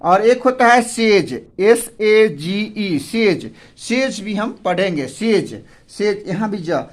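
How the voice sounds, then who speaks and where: A man's voice: high voice, expressive, slow pace. A middle-aged man teaching English pronunciation, repeating words and asking and answering his own questions. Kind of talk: classroom pronunciation lesson.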